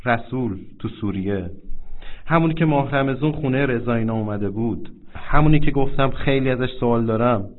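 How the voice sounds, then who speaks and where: A man's voice: mid-range voice, close to an everyday voice. A man reading aloud and voicing a grieving young man who speaks in a subdued, choked-up way, in a tinny, phone-like recording. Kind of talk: audiobook reading.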